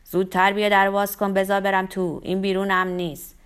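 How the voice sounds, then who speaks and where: A woman's voice: low-pitched, voice pushed down. A woman voicing a paranoid, drunken older father who mutters fearfully and pleads, read as an audiobook character. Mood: panicked.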